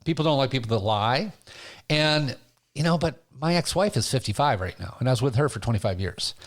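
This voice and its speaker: This is a man in his sixties hosting a relaxed conversation. His pitch swings freely as he spins self-deprecating stories, and he laughs easily along the way. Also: fairly quick. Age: 60s. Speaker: podcast host. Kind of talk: casual conversation.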